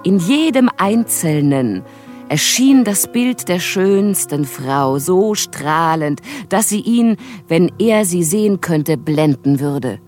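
An actress voicing a haunted young prophetess in a radio play, narrating in the first person with intense delivery that sinks into whispers. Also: female voice, on the low side, animated, slow, darkish tone, soft background music. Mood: brooding.

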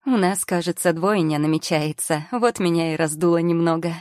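A woman's voice: lowish voice, moderate pace, darkish tone, no room sound, close to an everyday voice. A woman reading an audiobook, voicing a cheerful, lighthearted heavily pregnant young woman who laughs things off, in a dry close recording. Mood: amused.

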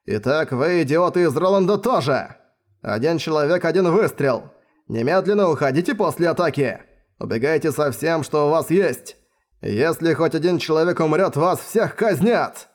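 A man's voice: a little high, expressive, moderate pace, close to an everyday voice. A man voicing an arrogant, scornful male commander who barks orders in an audiobook. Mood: barking.

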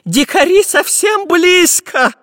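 A man voicing an anxious, fussy professor in a high, fretful voice. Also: sing-song, moderate pace, fairly bright tone, no echo, clean studio sound, in a large hall, full character voice. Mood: pleading.

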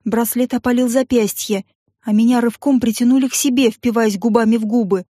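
A woman narrates a first-person story with a wry, ironic liveliness. Her voice sits a little higher than most. The recording is dry and close to the mic. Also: fairly even intonation, a little fast, mellow, dry recording. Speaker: audiobook narrator.

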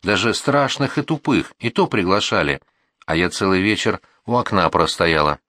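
A man's voice: sits low, lively intonation, normal speed, pushed and bright, dry recording, studio quality. A man voicing a hurt, sulky teenage girl in an audiobook, whiny and complaining. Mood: tearful. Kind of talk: audiobook reading.

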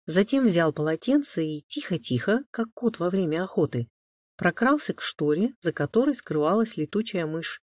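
A man narrating an audiobook with expressive storytelling. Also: high voice, normal speed, no room sound, clean studio sound.

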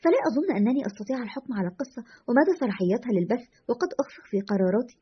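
An earnest, deferential young radio producer, voiced by a woman reading a story aloud. The lines come quickly in a slightly husky voice. The recording sounds dull and lo-fi. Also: a little high, big pitch swings, heavily acted.

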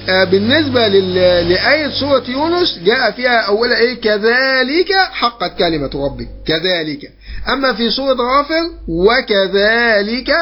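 A man teaching an online Quran memorization lesson with an Egyptian Arabic accent. He asks questions and answers them himself, explaining patiently and repeating points with drawn-out fillers. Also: high-pitched, muffled recording. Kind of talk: recorded online course lesson.

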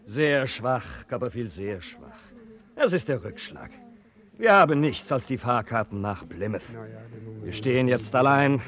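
Long-winded, grandiloquent middle-aged gentleman, lively intonation, radio play. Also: medium pitch, measured pace. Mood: weary, grandiloquent. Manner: flowery, pompous, long-winded. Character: pompous, impoverished older gentleman, long-winded. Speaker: Mr Micawber. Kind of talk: 1950s radio play acting.

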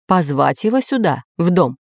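A woman's voice: fairly low pitch, very animated, normal speed, no echo, studio quality. A woman voicing a talking mirror reflection in a storybook reading, answering hesitantly. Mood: uncertain. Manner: hesitant, uncertain.

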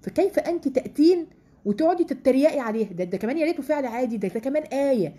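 In a casual lesson for women, an Egyptian-accented teacher discusses the Quran chattily, full of rhetorical questions, easing her pace to recite verses. Her voice is high-pitched and expressive, warm in tone and slightly rough.

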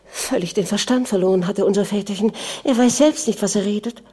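A woman's voice: mid-range voice, a little fast, dark tone, husky, voice pushed up, close to an everyday voice. A woman reading an audiobook, voicing a devout old nanny who wails, mutters and comforts. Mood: muttering. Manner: wailing, muttering, soothing.

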